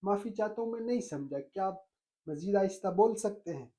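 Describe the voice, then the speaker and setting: Male language teacher, earnest and encouraging, drills phrases slowly. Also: high voice, animated, dark tone. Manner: earnest, repeats key phrases slowly and often. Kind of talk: spoken language lesson.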